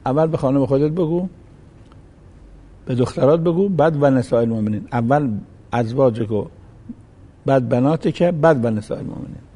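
A man's voice: mid-range voice, pauses often, dark tone. A man preaching a sermon, reciting Arabic verses and acting out the voices in a folk story.

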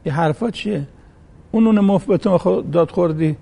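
Dark-voiced Persian preacher man. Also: high-pitched, gravelly. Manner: quotes Arabic verses, acts out quoted voices in a story. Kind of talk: sermon with a told story.

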